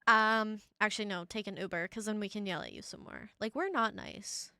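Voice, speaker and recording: A woman's voice: medium pitch, fairly quick, vocal fry, bright, forceful tone, no echo, clean studio sound. A Canadian woman hosting a casual podcast chat, blunt and rambling and swearing freely. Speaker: podcast host.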